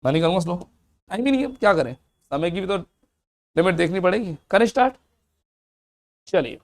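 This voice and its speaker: Guy teaching accounts real fast, fairly high voice, keeps asking himself questions n answering. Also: very animated, vocal fry. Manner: brisk, asks and answers his own questions. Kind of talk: fast classroom lecture.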